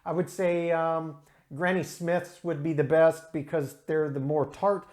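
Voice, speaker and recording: A man with a somewhat high voice gives a relaxed, casual beer review, speaking a little slowly. He explains carefully, spells out how to pronounce things, and fills his speech with ums and uhs.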